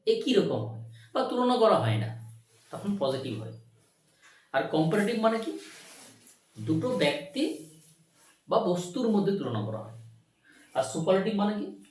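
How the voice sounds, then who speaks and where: A man teaching an English grammar lesson, asking questions, answering them himself and repeating words slowly. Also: high-pitched, wildly swooping pitch, darkish tone, far from the mic. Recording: very echoey room, recorded from afar.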